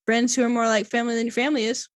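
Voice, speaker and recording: A woman's voice: a little high, flat delivery, very fast, no room sound. A woman co-hosting a podcast in casual chat, rambling and laughing often. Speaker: podcast co-host.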